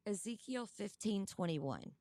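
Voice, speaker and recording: A woman's voice: medium pitch, lively intonation, a little slow, mellow, no room sound. A woman with a Southern US accent hosting a casual Bible study livestream, talking in a chatty way with fillers. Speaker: host.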